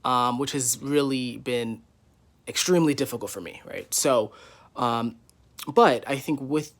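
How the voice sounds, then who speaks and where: A man's voice: mid-range voice, measured pace. A man in his twenties giving a casual, candid vlog update from his living room, rambling with many fillers. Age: 20s. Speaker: YouTuber.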